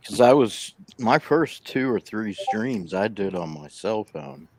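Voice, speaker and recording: Chatting casually on a live stream, a man with a slight lisp from missing front teeth tells a long, rambling story, mumbling a little. His voice is fairly low with lively intonation and a slightly slow pace, picked up by a laptop microphone.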